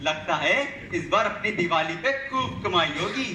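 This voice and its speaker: An eager, chatty young servant boy, played by a man, with a raised voice and a very bright, forceful edge. He mutters and grumbles when scolded. The sound comes from an echoey stage hall. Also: high voice, expressive, normal speed, a little hiss or hum, full character voice. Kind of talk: stage play acting.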